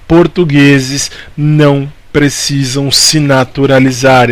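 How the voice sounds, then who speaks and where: This clip, free of room sound, features a Brazilian man teaching law in a relaxed exam-prep lecture with a mid-range voice. He goes over the main points more than once and poses questions that he then answers himself.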